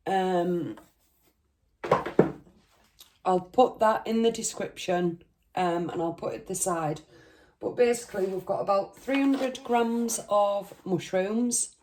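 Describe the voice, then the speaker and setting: A woman's voice: medium pitch, a little mellow, slight background noise. A British woman chatting casually to her viewers as a cooking vlogger, hesitant and rambling, with a sore throat and a short-of-breath, strained voice. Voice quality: strained, under-the-weather voice. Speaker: cooking channel host.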